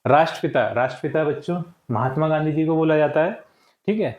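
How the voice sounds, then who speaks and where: A male teacher walking young pupils through textbook answers, saying each word slowly for them to repeat and often checking in with "ठीक है". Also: on the high side, darkish tone, reverberant, muffled recording. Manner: slow and deliberate, checks in with frequent "ठीक है". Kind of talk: classroom lesson walkthrough.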